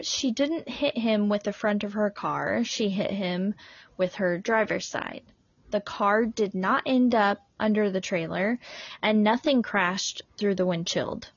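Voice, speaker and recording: A woman reads a story aloud for a podcast, taking her time and pausing for effect. Her voice sits at a middle pitch and is dry, close and a little muffled, with a dull lo-fi sound. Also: no echo. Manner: slow, careful storytelling with dramatic pauses. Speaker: podcast co-host.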